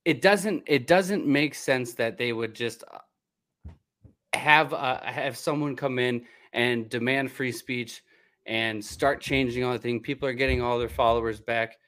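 A man's voice: mid-range voice, unhurried, fairly bright tone. A man co-hosting a casual political chat, earnest, repeating himself and asking rhetorical questions. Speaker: podcast co-host.

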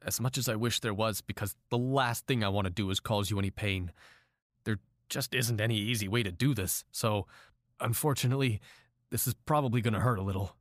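A man voicing a desperate, volatile captor who pleads softly and then screams in rage, in an audio drama. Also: lowish voice, fairly quick, dry recording, clean studio sound, close to an everyday voice. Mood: pleading, tense. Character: desperate man holding a woman captive, volatile.

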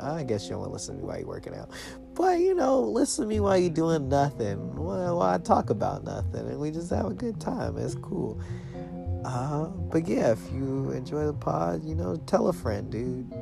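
A young man with a gravelly, medium-pitched voice hosts a solo podcast, chatting casually in loose, slangy bro talk while music plays behind him.

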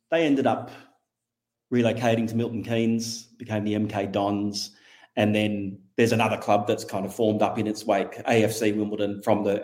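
A man's voice: lowish voice, darkish tone. A middle-aged Australian man chatting as a podcast guest, rambling and correcting himself as he thinks aloud. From Western Australia. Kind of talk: casual conversational interview.

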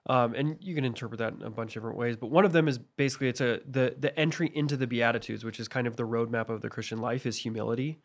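A man's voice: mid-range voice, steady tone, racing, hardly any pauses. A man co-hosting a podcast, reflecting aloud and asking his partner questions. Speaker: podcast co-host. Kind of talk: casual podcast conversation.

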